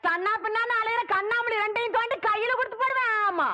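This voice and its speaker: Shrill old village granny, snarly and threatening, super high voice. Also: female voice, fast. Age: older. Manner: loud, menacing taunts in rustic dialect. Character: fierce toothy old village woman, boastful and threatening. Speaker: film character.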